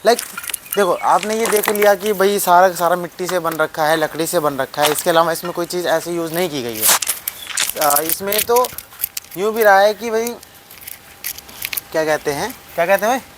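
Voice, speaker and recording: A man's voice: high-pitched, normal speed, noisy background. A young man vlogging a tour of an old mud house, talking straight to viewers in a rambling way and repeating his phrases, recorded on a phone camera. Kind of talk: casual vlog tour.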